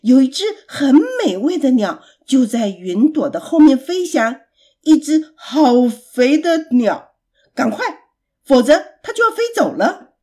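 A woman voicing a frightened, clever little boy piglet who cries out in high pleading tones. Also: very animated, measured pace, a little mellow, full character voice. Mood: eager.

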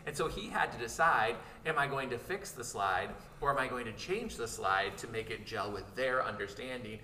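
A man's voice: mid-range voice, normal speed, sharp tone, slight background noise. A man, an educator, enthusiastically recounting a conference session in casual chat. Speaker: educator, podcast guest. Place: conference venue. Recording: roomy, distant mic with background ambience.

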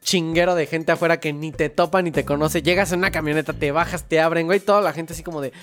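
A young man from Mexico with a Mexico City accent, telling a story in casual chat, slangy and animated, often laughing. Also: on the high side, fast, faint music behind. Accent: Mexico City Spanish.

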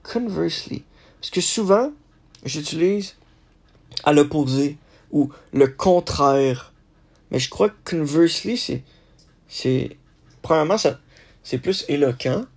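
Man, slow, husky, halting solo podcast host. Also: a little high, expressive, darkish tone. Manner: halting, thinking aloud, many restarts.

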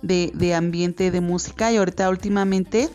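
Warm in tone and lowish in pitch, a radio host with a Mexican accent speaks at a moderate pace with fairly even intonation. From the studio she addresses parents casually and earnestly, her advice rambling with many fillers and restarts.

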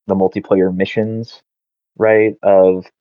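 Man on a video call, very low voice, dull lo-fi call audio, rambling, dry sound. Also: little pitch movement, takes it slowly, dry recording. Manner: rambling, many "like" fillers. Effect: heard over a video call. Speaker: podcast co-host. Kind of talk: casual chat about video games.

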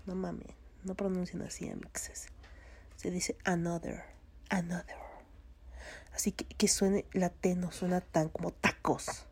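A woman's voice: lowish voice, flat delivery, measured pace, darkish tone, husky. A woman with a Mexican accent, chatting casually to her viewers in a rambling way, with many fillers and casual swearing. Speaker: vlogger.

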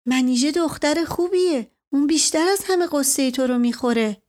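A gentle, attentive young daughter, voiced by a woman narrator in an audiobook, soft and soothing. Her voice is raised above the narration and sounds a little different in tone. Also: sits high, voice pushed up, lightly acted. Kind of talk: audiobook character voice.

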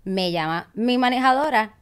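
A woman's voice: a little high, normal speed, clean tone. A woman in her thirties from Puerto Rico with a Puerto Rican accent, a guest telling a story in casual chat and acting out what people said. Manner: animated, laughs often, acts out quotes.

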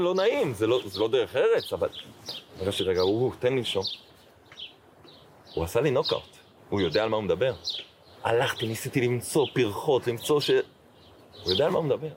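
Middle-aged man, rabbi guest telling his story, lively acted-out dialogue, noisy background. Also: medium pitch. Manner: animated storyteller acting out dialogue, frequent fillers. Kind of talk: personal storytelling in an interview. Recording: noticeable background noise.

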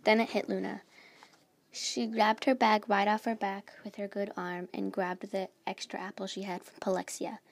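A woman's voice: medium pitch, level tone, normal speed, vocal fry. A woman reading her own fan story aloud in a plain, unpolished way. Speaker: story reader.

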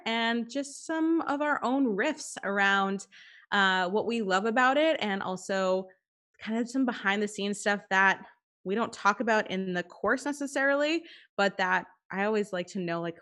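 Woman, podcast co-host, upbeat, explanatory, casual fillers, medium pitch. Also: a bit bright. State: short of breath. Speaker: course co-host.

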